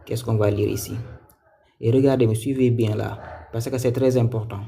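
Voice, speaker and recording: A man's voice: mid-range voice, fairly even intonation, normal speed, gravelly, dark tone, slight background noise. Patient man teaching a live lesson. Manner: patient, repetitive, quizzes viewers; thanks viewers by name. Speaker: Quran teacher. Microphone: livestream mic.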